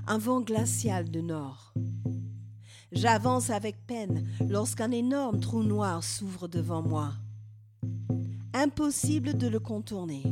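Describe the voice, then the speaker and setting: Slow, hushed woman narrating a meditative journey. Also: mid-range voice. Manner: slow, hushed, dropping at times into a whisper. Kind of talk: first-person guided meditative journey. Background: faint music.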